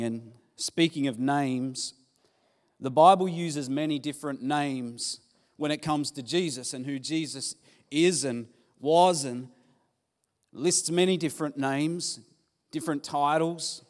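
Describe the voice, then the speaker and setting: A man preaches a sermon in a church, rousing the congregation with enthusiasm. His delivery is slow and measured. The sound rings with a long hall echo. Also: a little high. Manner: warm, enthusiastic, audience-rousing. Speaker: pastor.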